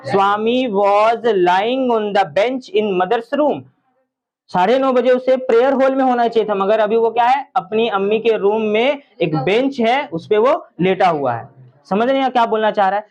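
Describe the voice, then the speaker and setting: A man teaching an English story to a class, reading lines slowly and explaining them with questions to his students. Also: very high voice, a little mellow, dull audio.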